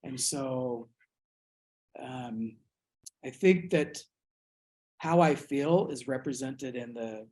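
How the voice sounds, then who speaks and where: Heard through a rough recording, an American man with a mid-range, darkish voice reflects on his art in an interview. He speaks thoughtfully, often pausing and starting over.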